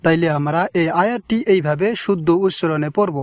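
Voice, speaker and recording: A man teaching the correct pronunciation of a short Arabic chapter, chanting each word slowly and explaining in calm asides. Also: on the high side, no echo, studio quality. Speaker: Quran recitation teacher. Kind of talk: slow recitation lesson.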